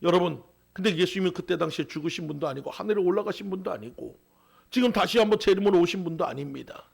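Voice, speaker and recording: A male pastor preaching a sermon. He moves between impassioned raised calls and hushed, whispered lines. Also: sits high, fast, gravelly, breathy edge.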